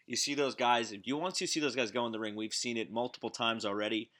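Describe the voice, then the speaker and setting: Bright-voiced male podcast guest. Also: mid-range voice, fast. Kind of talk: casual sports podcast chat about wrestling. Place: home basement.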